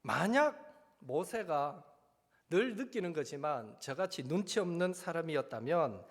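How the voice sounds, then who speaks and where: Gyeongsang pastor preaching in a ringing hall. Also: male voice, on the high side, animated, unhurried. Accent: Gyeongsang Korean. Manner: earnest preaching with homely asides and questions to the congregation. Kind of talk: sermon.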